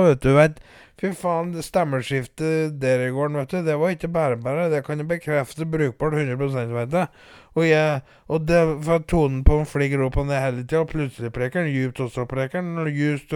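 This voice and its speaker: A loud, crude country woman, as a man puts her on rambles on with swearing and bragging. Her voice sits higher than his own and pushes hard. The sound is dry and close. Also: clean tone, no room sound, natural voice.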